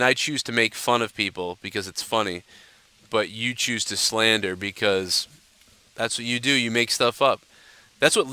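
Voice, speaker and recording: A young man hosting a casual livestream answers viewer questions in a blunt, ranting, loose and profane way, sounding slightly nasal from a stuffed-up nose. His voice is medium-pitched, pushed and bright, with a clear, resonant tone.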